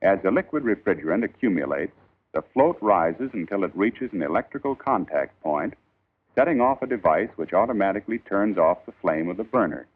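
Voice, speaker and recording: A man reading a scripted 1940s instructional film in a formal, measured, emphatic old newsreel narrator style. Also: low voice, lively intonation, breathy edge. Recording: tinny band-limited 1940s film soundtrack.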